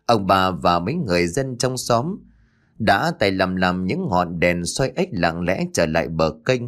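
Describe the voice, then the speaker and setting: A man narrating a horror story for an audiobook in an expressive storytelling manner. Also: lowish voice.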